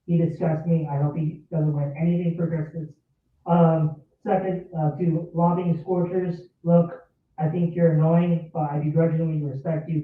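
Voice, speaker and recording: A man calling in to a live show who sounds like he is at the bottom of a well, rambling and restarting his points with "look". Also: a little high. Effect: sounds like down a well, tunnel-like echo. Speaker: caller. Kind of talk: fan venting on a call-in. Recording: distant echoey lo-fi call line.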